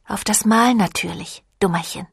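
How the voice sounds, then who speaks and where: A woman voicing a seductive, ancient female vampire clan leader in an audiobook, with a silky, teasing manner that drops into breathy whispers. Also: medium pitch, normal speed, no room sound, studio quality. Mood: coaxing. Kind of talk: audiobook reading.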